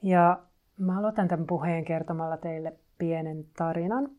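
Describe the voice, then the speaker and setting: A woman meditation teacher giving a calm dharma talk and reading a story aloud. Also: lowish voice, phone-quality sound.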